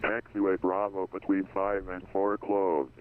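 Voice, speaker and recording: A man's voice read out as an automated airport weather broadcast, reciting runway and weather data in a flat, even way over a radio feed. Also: low-pitched, unhurried, phone-quality sound. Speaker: automated terminal information service.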